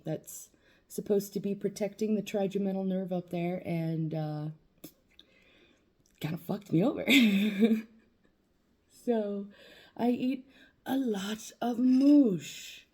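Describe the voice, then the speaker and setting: A woman's voice: mid-range voice, dark tone. A young woman vlogging casually about quitting smoking while in facial nerve pain, rambling, swearing and joking at herself. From New Mexico. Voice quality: swearing, rambling, self-mocking. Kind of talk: casual talk to camera.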